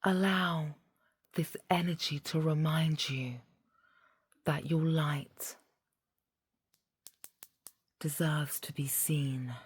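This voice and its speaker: A woman leading a guided meditation in a soft, half-whispered voice, soothing and deliberate, phrase by phrase. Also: low voice, fairly even intonation, slightly rough, no room sound.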